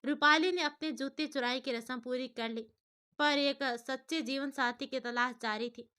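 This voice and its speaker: Woman telling a family story, high bright crisp voice, steady. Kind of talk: storybook narration.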